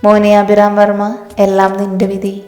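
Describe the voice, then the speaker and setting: A woman voicing a wry, brisk policewoman in a storybook, reading evenly. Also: medium pitch, completely flat delivery, dark tone, natural voice. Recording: reverberant room with faint music.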